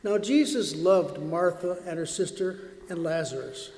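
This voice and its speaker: A man, a priest or deacon, proclaims the Gospel in a measured, solemn way, his voice ringing with cathedral echo in a large church. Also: on the high side, a little mellow. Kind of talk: liturgical Gospel reading.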